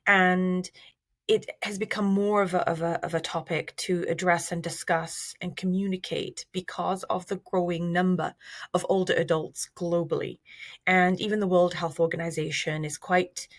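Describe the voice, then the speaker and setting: A woman's voice: fairly low pitch, flat delivery. Thoughtful woman researcher from Iraq. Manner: thoughtful, measured, frequent fillers and restarts. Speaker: researcher guest. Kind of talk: interview answers.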